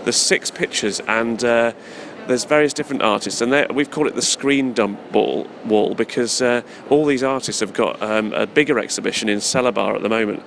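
A man's voice: medium pitch, fairly quick, creaky, hardly any pauses, a bit bright. A man with a British accent giving a casual, enthusiastic, rambling interview as an event organiser. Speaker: festival organiser, interview guest. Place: busy public exhibition space in city centre. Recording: noisy public space, urban background din. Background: people and urban ambience.

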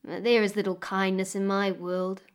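A woman voicing a gentle, lonely young village girl who speaks softly and sadly. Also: medium pitch, level tone, unhurried, clear, resonant tone, lightly acted.

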